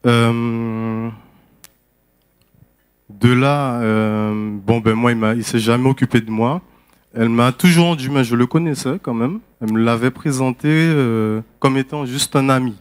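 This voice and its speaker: A man's voice: medium pitch, measured pace, clear, resonant tone. Man, candid and hesitant testimony, church setting. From French Guiana. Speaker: person giving a testimony. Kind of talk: spoken personal testimony.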